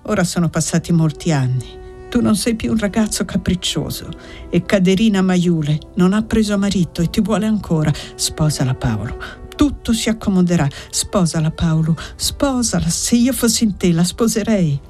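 A woman's voice: fairly low pitch, animated, normal speed, warm tone, soft background music, natural voice. A woman voicing an anxious, devoted young woman in an audiobook, reading plaintively and with agitation. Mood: agitated.

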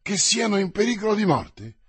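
A man's voice: high voice, very animated, moderate pace, breathy edge, voice pushed up, heavily acted. Man putting on a blustering burly musketeer. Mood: furious. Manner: loud, blustering outbursts. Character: hot-tempered, hearty burly male musketeer.

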